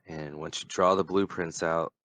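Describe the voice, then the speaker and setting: A man narrating a tabletop game as game master, unhurried and descriptive. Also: low-pitched, steady tone, a bit bright.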